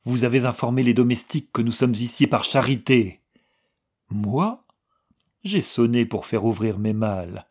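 A man voicing a proud, distraught noble widow who wails and sobs out her grievances in high-strung outbursts. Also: moderate pace, slightly rough, natural voice. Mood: wailing.

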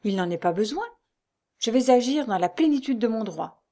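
A woman's voice: on the high side, animated, normal speed, dark tone, voice pushed up. Woman reading as an anxious young fiancée. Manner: pleading, growing indignant.

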